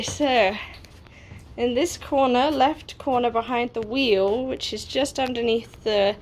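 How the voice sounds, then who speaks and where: A woman's voice: sits high, a little hiss or hum. A woman chatting casually on camera while she does hands-on work converting a bus, upbeat and talkative. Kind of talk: casual vlog narration.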